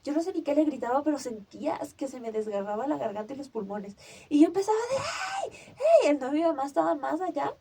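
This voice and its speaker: High, mellow young woman. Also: lively intonation, quick pace. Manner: vivid re-enactment, acting out her own cries and shouts. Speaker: podcast host. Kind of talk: casual storytelling chat.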